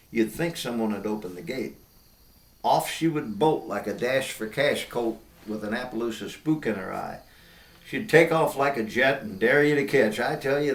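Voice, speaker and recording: An older American man with a folksy cowboy twang, telling stories and reciting cowboy poetry. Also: medium pitch. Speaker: cowboy poet. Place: inside an old log barn. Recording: roomy echo, distant microphone.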